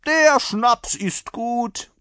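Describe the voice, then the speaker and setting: A man voicing a brash, unflappable Prussian cavalryman in a dramatic story reading, with a high, strained, shouted bellow. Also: extremely slow, smooth, no room sound, clean studio sound, full character voice. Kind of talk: dramatic reading of a classic anecdote.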